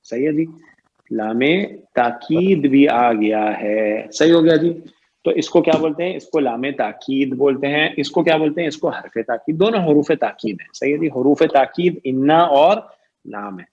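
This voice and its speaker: A man's voice: fairly high pitch, a little mellow, muffled recording. A man teaching Arabic grammar in an online lecture. He stretches out key terms and keeps quizzing his students. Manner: repeats "ٹھیک ہے جی" and "صحیح ہے جی" often.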